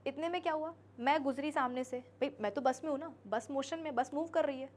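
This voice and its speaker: Woman, high voice, physics teacher, chatty, acts out student replies, checks understanding. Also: fairly quick, a little mellow, a little hiss or hum. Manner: addresses students as beta, checks understanding often. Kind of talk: classroom lecture in Hindi with English terms.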